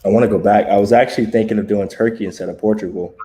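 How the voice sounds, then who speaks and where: An American man hosts a casual livestream chat, his lowish voice steady and dark in tone even as he races along. He's laid-back, laughs often, and talks in loose slang.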